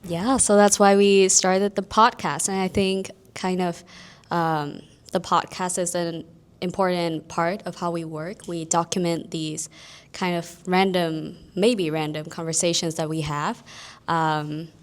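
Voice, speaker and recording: A woman from Vietnam explains the podcast to a classroom audience. She speaks in a measured way, with fillers, in a lowish voice. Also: flat delivery, clear, resonant tone. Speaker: podcast co-host. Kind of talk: unscripted talk to a live audience.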